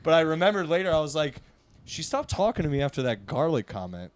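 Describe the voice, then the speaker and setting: A man's voice: on the high side, big pitch swings, fast talker. A young man co-hosting a podcast, telling long rambling anecdotes in casual chat and laughing mid-sentence. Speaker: podcast co-host.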